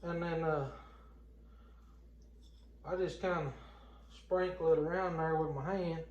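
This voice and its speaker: Middle-aged Southern US man, high-set voice, plainspoken casual how-to delivery, roomy home kitchen sound. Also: fairly even intonation, takes it slowly, darkish tone, highs cut off. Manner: folksy, plainspoken. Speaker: home cooking vlogger. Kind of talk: casual how-to chat to camera. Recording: roomy indoor home recording.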